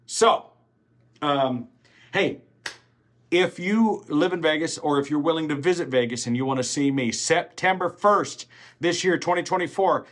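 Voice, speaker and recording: Man, 40s, band singer, voice a touch high, chatty and rambling with casual swearing. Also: unhurried. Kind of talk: casual vlog chat.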